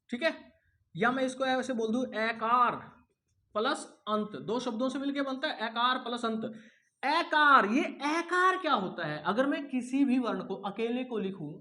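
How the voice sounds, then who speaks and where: A man's voice: extremely high pitch, sharp tone. Male Hindi tutor for exam prep, repetitive, rhetorical question-and-answer teaching, familiar with students. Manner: repeats key words, asks and answers his own questions; addresses students familiarly as son and brother. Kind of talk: exam-prep grammar lesson.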